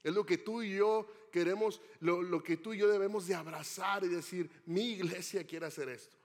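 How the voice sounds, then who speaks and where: High-voiced pastor in a reverberant hall. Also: male voice, steady tone, normal speed. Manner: asks the congregation questions. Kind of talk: sermon.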